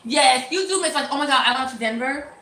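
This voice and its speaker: A woman's voice: high-pitched, sharp tone. Woman eagerly quizzing a storyteller. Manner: eager listener, quick questions and backchannels. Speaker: co-host. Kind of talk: casual chat. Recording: roomy echo.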